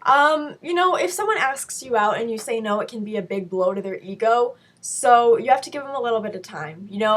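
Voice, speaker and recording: A young woman speaks in a fairly high voice that is touched by sickness. She chats informally to her viewers as she answers questions. Her delivery is frank and conversational, with playful asides. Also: fairly bright tone. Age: young adult. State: sick with a cold-affected voice. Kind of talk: casual chat to camera, Q&A.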